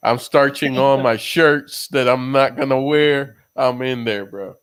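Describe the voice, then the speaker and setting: A man's voice: medium pitch, a little slow, fairly bright tone, smooth. A man from the Dominican Republic co-hosting a casual comedy chat, laid-back and easygoing. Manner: laid-back, calls others bro. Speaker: co-host.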